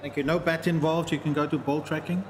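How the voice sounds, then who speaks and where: A man's steady, slightly raised voice works through a review step by step, calm and procedural. The umpire feed sounds echoey, with noise behind it. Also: on the high side, quick pace. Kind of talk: match officials' radio talk.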